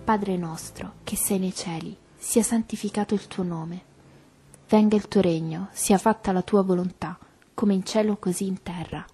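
A woman leading a recited rosary prayer in a soft, even, devotional way. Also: mid-range voice, moderate pace, faint music behind. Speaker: prayer leader.

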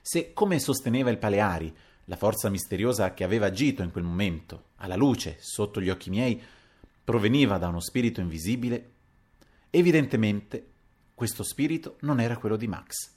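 A man reading a literary audiobook aloud in an expressive, dramatic storytelling manner. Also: on the low side, a little fast, slightly rough. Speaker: audiobook reader.

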